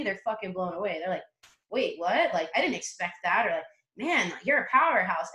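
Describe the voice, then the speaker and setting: A motivational coach appears as a guest on a casual podcast interview, speaking brashly and confidently and swearing freely. Her voice is medium in pitch and a bit bright, and the recording sounds reverberant.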